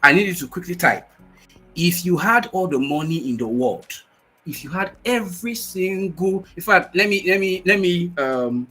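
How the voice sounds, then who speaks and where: A man giving an energetic motivational webinar talk over a video call, repeating phrases for emphasis. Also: sits high, moderate pace, husky, faint music behind. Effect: heard over a video call. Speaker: guest speaker. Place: at home in Nigeria on a shaky connection.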